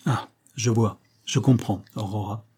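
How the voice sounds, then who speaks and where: Devoted, anxious husband in a storybook reading, earnest and pleading, a man reading him in a dark, husky voice. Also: lowish voice, steady tone, unhurried.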